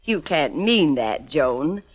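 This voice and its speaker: A woman's voice: deep voice, big pitch swings, takes it slowly, lo-fi sound, exaggerated voice. An actress playing a cold, cutting, haughty female murder suspect in a 1940s AM radio melodrama. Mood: cold, defiant.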